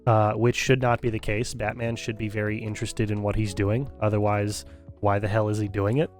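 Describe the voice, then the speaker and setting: A man's voice: on the low side, flat delivery, brisk, faint music behind. A man streaming, giving an opinionated, critical rant in casual commentary, often repeating and restarting phrases as he thinks it through.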